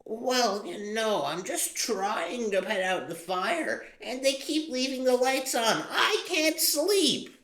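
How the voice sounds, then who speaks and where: A woman's voice: fairly high pitch, lively intonation, a bit bright, pitched above the performer's own voice. A woman voicing a sleepy, fussing male ghost who frets about fire in a puppet stage play. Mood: whiny. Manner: whiny, drawn-out complaining. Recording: roomy echo.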